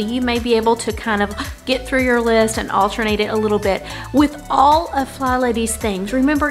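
A woman in her forties hosting a home cleaning vlog, explaining her routine in a friendly, conversational way, step by step. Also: on the high side. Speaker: host of a home cleaning channel. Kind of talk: casual chatty vlog talk and tips.

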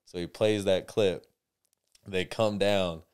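Smooth, deep-voiced young man telling stories. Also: steady tone, takes it slowly, a little mellow. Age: young adult. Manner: laid-back, chuckling storyteller. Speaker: podcast guest, college athlete. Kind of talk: casual chat.

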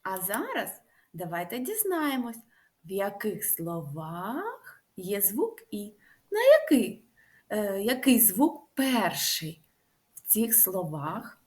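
A woman speech therapist giving a lively, sing-song lesson to young children, stretching out the vowel sounds. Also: mid-range voice, takes it slowly.

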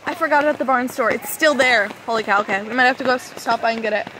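A woman's voice: a little high, rapid-fire, background noise. A young woman chatting casually to a vlog, raising her voice to be heard over heavy rain drumming on her umbrella, recorded outdoors on a phone. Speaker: vlogger. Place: outdoors at a campsite under an umbrella in pouring rain. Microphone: phone at arm's length, close to face.

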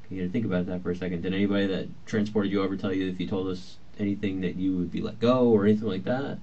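Deep-voiced male detective on interrogation tape. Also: fairly even intonation, very fast, warm tone. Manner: polite, procedural and reassuring. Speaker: police detective. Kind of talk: police interrogation, reading rights and questioning. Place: police interview room. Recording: muffled lo-fi interview-room recording with faint hiss.

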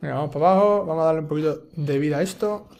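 Spain-accented male streamer, live play-by-play, jumpy, cusses, a bit high-voiced. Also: very fast, vocal fry. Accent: Spain Spanish. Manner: excitable, swearing, yelling when startled. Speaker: gaming streamer. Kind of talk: live gameplay commentary.

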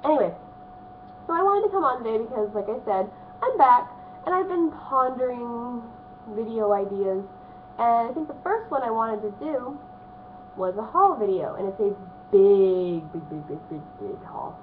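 A young woman with a slightly hoarse voice from a cold, chatting casually at her desk at home in a rambling vlog, with lots of ums. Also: on the high side, lively intonation, normal speed. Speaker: vlogger. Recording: phone-like narrow band, faint hiss.

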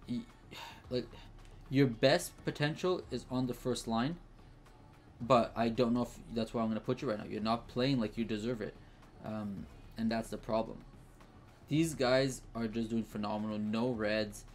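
A man's voice: medium pitch, slight background noise. A man giving casual, think-aloud commentary over his gameplay, with frequent fillers and restarts. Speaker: gaming channel host.

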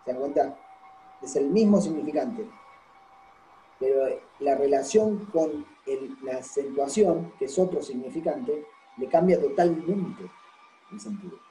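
Guy teaching a class, super mellow deep tone, always asking if everyone gets it, roomy echo. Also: expressive, unhurried, soft background music. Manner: explanatory, constantly checks understanding with "¿sí?". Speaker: lecturer. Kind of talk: university lecture.

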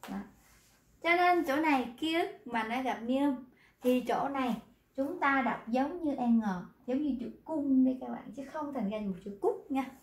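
A woman teaching, patiently explaining, quizzing the class and repeating words slowly. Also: high voice, reverberant. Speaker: Korean language teacher.

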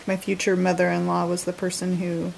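A woman's voice: fairly low pitch, monotone, brisk, vocal fry, darkish tone, a little hiss or hum, rough recording. A young woman in her twenties chatting casually to a handheld camera in her bedroom, with plenty of "like" and "um". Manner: chatty, filler-heavy. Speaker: vlogger. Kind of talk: casual vlog chat. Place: bedroom at home. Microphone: handheld camera at arm's length.

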